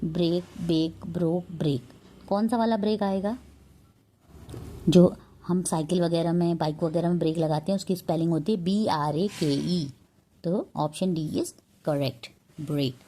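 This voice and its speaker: A woman's voice: lowish voice, unhurried, dark tone, slight background noise. A woman teacher with an Indian English accent, teaching a vocabulary lesson in a mix of Hindi and English and spelling words out letter by letter.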